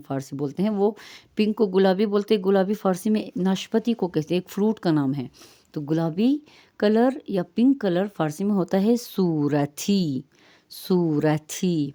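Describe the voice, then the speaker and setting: A woman teaching vocabulary, stretching out words slowly to model their pronunciation. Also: fairly low pitch, mellow. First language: Urdu. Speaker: language teacher. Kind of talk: vocabulary lesson.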